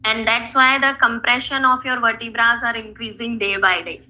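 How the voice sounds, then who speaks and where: Bright-voiced North Indian woman teaching yoga. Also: on the high side, fairly even intonation, moderate pace, low-quality recording. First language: Hindi. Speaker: yoga instructor. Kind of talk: instructional yoga class, guiding movements and breathing.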